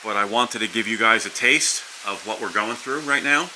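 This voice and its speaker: A man's voice: lowish voice, normal speed, pushed and bright, rough recording. A man narrating a casual vlog outdoors from under a house porch during a storm. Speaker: vlogger. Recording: wind, rain and hiss behind voice.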